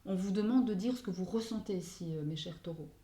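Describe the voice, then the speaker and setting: A woman's voice: mid-range voice, fast talker, mellow. A woman giving a casual spoken card reading, hesitant and searching for words, often slipping in English phrases. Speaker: astrology card reader. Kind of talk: casual spoken tarot guidance. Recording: echoey room.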